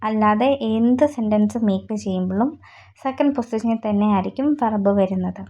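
A woman teaching German grammar rules in Malayalam, who spells out examples slowly and deliberately. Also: medium pitch. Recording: slightly dull lo-fi audio.

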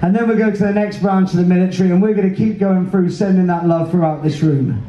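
A British man hosts from a theater stage as a cruise director, speaking with emotive, earnest emphasis. His voice sits high for a man and has a soft, mellow tone. It comes through a roomy PA, picked up from far back in the hall. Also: quick pace, dull audio. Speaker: cruise director hosting a veterans' event. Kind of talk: live stage address to an audience. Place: large indoor theater stage. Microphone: handheld mic, filmed from the audience. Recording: roomy theater PA heard from afar, faint noise.

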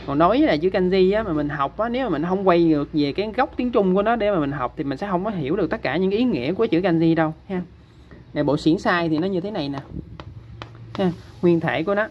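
A man's voice: a little high, darkish tone, slight background noise. A man with a Southern Vietnamese accent teaching kanji step by step, patiently checking in with his listeners as he explains. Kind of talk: step-by-step lesson.

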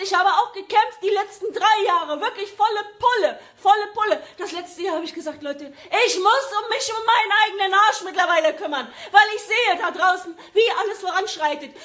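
A woman's voice: very high voice, a bit bright. A woman from Germany in an agitated live-stream rant to her viewers, repeating phrases for emphasis. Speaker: vlogger addressing viewers.

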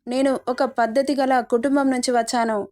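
A woman's voice: high-pitched, little pitch movement, normal speed, a little mellow, natural voice. A woman voicing a defiant young woman student who scolds indignantly. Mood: scolding.

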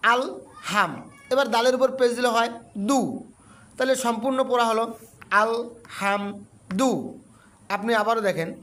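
A man with a Bangladeshi Bengali accent gives a calm, step-by-step Quran reading lesson. His voice sits high for a man. He sounds out the letters one syllable at a time and repeats them often.

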